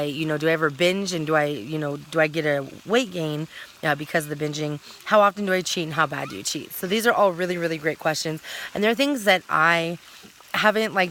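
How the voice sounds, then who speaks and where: A woman in her thirties vlogs casually from a campsite outdoors, talking a lot, rambling and correcting herself. Her bright, forceful voice sits on the low side, and a faint hiss of outdoor sound runs beneath it.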